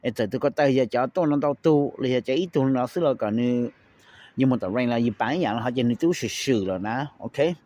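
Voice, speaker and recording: A man's voice: mid-range voice, warm tone, no echo. Man, host, casual explainer, rambling, keeps asking "okay?", dry close-miked sound. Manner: rapid, rambling, keeps checking in with "okay?" and slips in English phrases. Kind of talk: casual explanatory talk to viewers.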